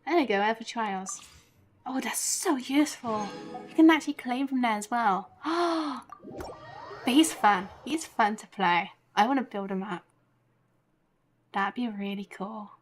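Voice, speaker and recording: A woman streamer offers casual live commentary while playing a game, chatty and giggly, with game music behind her. Her voice is fairly high, a little slow, and she pauses often.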